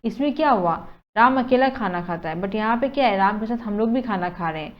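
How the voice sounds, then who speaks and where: A woman's voice: mid-range voice, animated, a little fast. A woman teacher, explaining a lesson in a chatty way, often checking "okay" with students and mixing in English words. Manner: chatty, mixes in English words, frequent "theek hai" checks. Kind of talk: casual classroom explanation. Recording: dull lo-fi sound.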